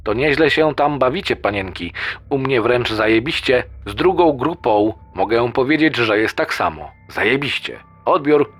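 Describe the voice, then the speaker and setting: A man's voice: medium pitch, expressive, normal speed, fairly bright tone, voice pushed up. A man putting on a lazy, mocking young guy. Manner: teasing, sarcastic, swearing.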